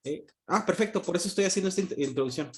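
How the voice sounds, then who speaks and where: Man, online economics lecture, fairly high voice, jokey, asks and answers himself. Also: very fast, fairly bright tone. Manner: joking, asks questions and answers them himself. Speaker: university economics teacher.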